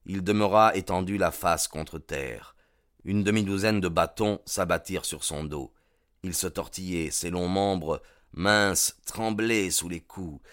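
A male audiobook narrator with a very low voice. He tells the story in a measured, grave manner, recorded close and dry with no room sound. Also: a bit bright, no echo. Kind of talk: scripted narration.

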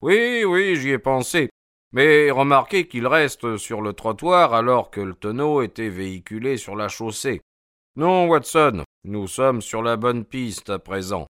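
A man voicing a shrewd gentleman detective in an audiobook, pitched a bit above his narrating voice. He speaks briskly with lively inflection, recorded dry and close. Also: smooth, no echo. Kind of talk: audiobook character voice.

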